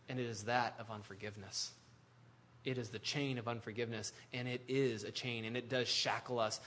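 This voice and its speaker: A male pastor preaching a sermon in an animated, conversational way, full of restarts and asides. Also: medium pitch.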